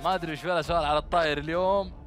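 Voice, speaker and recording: Quick, higher-voiced Gulf Arabic male quiz host. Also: fairly even intonation, soft background music. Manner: bantering, encouraging callers with blessings. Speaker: game show host. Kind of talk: live TV quiz hosting with phone callers. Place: small studio set dressed as instrument shop. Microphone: headset microphone.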